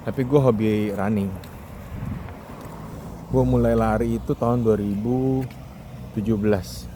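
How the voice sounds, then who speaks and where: This solo podcaster, a man of about thirty in his 20s or 30s, has a lowish, steady, unhurried voice as he strolls down a street. His talk is a loose, conversational monologue packed with rhetorical questions, recorded amid urban noise, clear traffic and passing cars.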